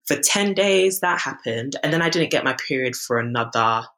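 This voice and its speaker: Speaking at a normal pace in a bass voice, a young woman from Britain, in her twenties, opens up about a personal health experience as a podcast guest, animatedly imitating the people she quotes.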